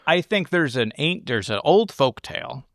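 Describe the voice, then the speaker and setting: This podcast host analyzes a film in a relaxed discussion, working through ideas aloud with meandering guesses. He speaks at a moderate pace with a medium-pitched, expressive, fairly bright voice, captured in a clean, echo-free studio.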